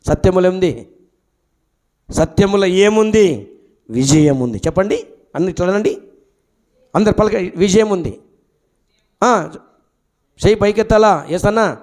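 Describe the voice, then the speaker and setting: A man pastor, preaching an animated sermon in church and calling on the congregation to answer. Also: sits high. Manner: animated preaching, calls out to the congregation and prompts replies.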